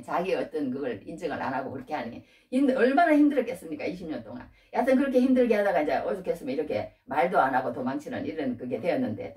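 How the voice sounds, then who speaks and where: A woman giving a casual Bible-study sermon, retelling the story with lively asides and frequent prompts to her listeners. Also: low voice, far from the mic. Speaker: Bible teacher.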